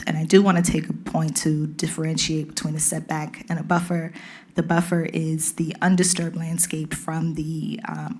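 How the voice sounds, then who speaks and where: A woman with a Caribbean accent presents to a city council in a low, steady voice. Her pitch stays flat and even as she works through a formal policy briefing item by item. She sounds measured and methodical, like staff reporting to elected officials. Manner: methodical, walks through points one by one.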